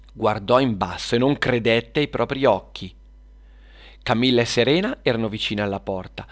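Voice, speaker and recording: Gravelly-voiced man reading a children's story. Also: fairly low pitch. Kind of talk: scripted children's story narration.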